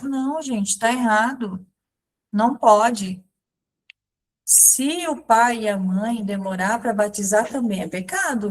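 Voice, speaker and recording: A woman catechist in her thirties teaches in a slow, measured way. She breaks her points into short phrases with pauses and plain examples, her voice sitting a little high for a woman. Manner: slow, simple explanations with many pauses and examples. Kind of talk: catechism lesson, spoken alongside sign language.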